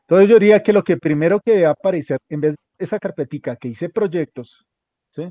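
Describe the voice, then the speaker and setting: A man with a slightly high, brisk voice teaches a hands-on computer class, walking through directions step by step and repeating them often. As the instructor, he's captured in a dull, lo-fi recording with no echo.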